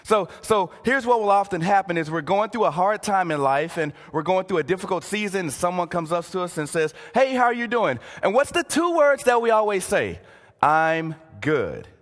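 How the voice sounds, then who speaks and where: Earnest male preacher, high voice with a wide swing, repeats himself for emphasis, sermon in a big echoing hall. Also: lively intonation, brisk, hardly any pauses. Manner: earnest, repeats words and keeps saying "listen". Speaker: pastor. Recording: long hall reverb.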